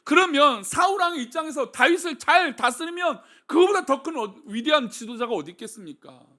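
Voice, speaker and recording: A male senior pastor preaching a sermon, asking the congregation rhetorical questions and swinging between soft and loud delivery. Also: very high voice, expressive, brisk.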